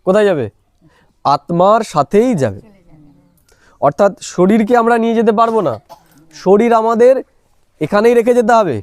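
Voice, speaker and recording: A man's voice: sits high, animated, normal speed, pauses often, dry recording. A man teaching a spiritual meditation class who keeps asking listeners whether they follow, speaking into a clip-on mic recorded on a phone. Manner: asks listeners rhetorical check-in questions. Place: small room, recorded on a mobile phone. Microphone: clip-on microphone.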